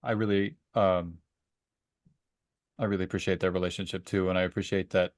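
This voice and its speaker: In a casual podcast book discussion, a male co-host trades personal anecdotes, telling stories and acting out remembered bits of dialogue. His voice is low and steady, his pace brisk, and the studio-quality recording has no room sound.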